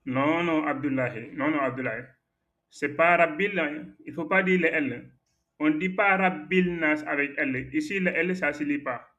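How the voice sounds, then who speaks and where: A man's voice: fairly high pitch, moderate pace, bright, forceful tone, dull audio. A man teaching a Quran recitation lesson, patiently correcting a student's errors and repeating the right forms, with frequent hesitations.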